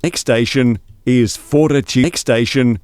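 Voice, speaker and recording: A man's voice: mid-range voice, measured pace, darkish tone, clear, resonant tone, dry recording. Man reading train station announcements. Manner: formal, evenly paced public address reading, cut into pieces. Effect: pre-recorded announcement clips played back.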